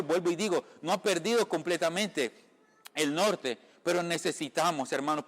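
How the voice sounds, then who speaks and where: A man's voice: a little high, a bit bright. A man from the Caribbean giving an informal sermon, talking conversationally to his listeners, often calling them brother and checking they follow. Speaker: lay preacher. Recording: long reverb from a room.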